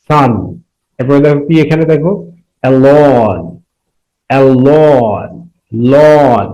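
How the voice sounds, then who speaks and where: A man teaching a primary school English lesson, reading each phrase slowly and translating it line by line. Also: fairly high pitch, darkish tone, low-quality recording. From Bangladesh. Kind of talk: bilingual classroom lesson.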